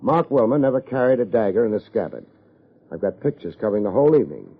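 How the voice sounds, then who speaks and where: On a muffled vintage radio recording, an American actor plays a tough, wry private eye in 1950s radio detective fashion, both acting scenes and narrating in first person. His husky, fairly low male voice comes out fast, very animated, clipped and sardonic. The mood is hard-boiled and accusing.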